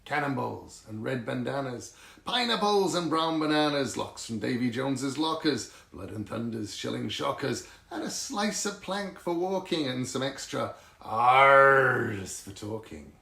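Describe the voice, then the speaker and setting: A man voicing a rowdy, jolly band of storybook pirates in a loud, bouncy, declamatory chant. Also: mid-range voice, animated, a little slow, creaky, full character voice. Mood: joyful. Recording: roomy, echoing sound.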